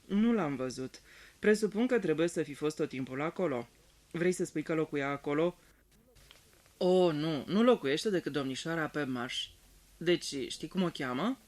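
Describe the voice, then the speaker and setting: A man's voice: a little high, animated. Man reading a mystery audiobook. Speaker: audiobook reader. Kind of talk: scripted audiobook narration.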